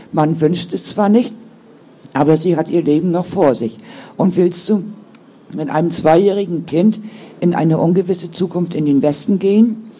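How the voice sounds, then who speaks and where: A man's voice: sits high, warm tone, breathy edge. A man voicing a firm, caring older sister who speaks in an earnest, sometimes stern way. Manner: stern then soothing, earnest.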